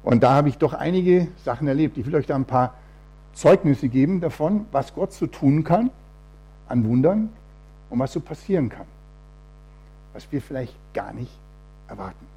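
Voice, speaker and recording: Husky-voiced man telling a testimony. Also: mid-range voice, expressive, moderate pace, pauses often, mellow. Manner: storytelling, acts out quoted voices. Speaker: church speaker giving testimony. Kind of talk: testimony sermon with Bible reading.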